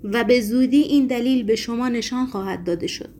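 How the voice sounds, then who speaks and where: An uncanny foreign professor, voiced by a woman reader, sly and unpredictable. He speaks with a quiet, knowing tone and can turn to urgent pleading. A faint hiss lies beneath the reading. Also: a little high, lightly acted. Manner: sly, swings between pleading and anger. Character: eerie foreign male professor, mocking and volatile.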